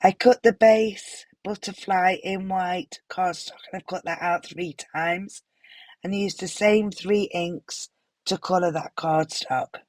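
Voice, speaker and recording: Slow, hoarse woman's voiceover. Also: on the low side, steady tone, no echo. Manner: gentle, apologetic, stops for fillers. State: hoarse, unwell voice. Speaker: card-making tutorial host. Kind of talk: recorded voiceover for a craft tutorial.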